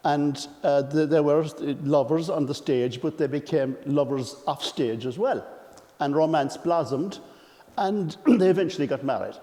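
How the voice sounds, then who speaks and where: A man with an Irish accent giving an informal biographical account from memory, often clearing his throat. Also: a little high, unhurried, warm tone. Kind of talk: informal spoken biographical reminiscence. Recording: reverberant hall.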